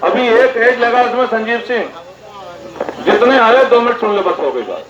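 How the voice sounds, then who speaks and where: Indignant rally speaker. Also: male voice, extremely high pitch, expressive, normal speed. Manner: rhetorical, repeats figures and questions, rises to indignant shouts. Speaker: political party speaker. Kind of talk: political speech to a village gathering. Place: outdoor village gathering. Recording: echoey, dull PA sound with crowd noise.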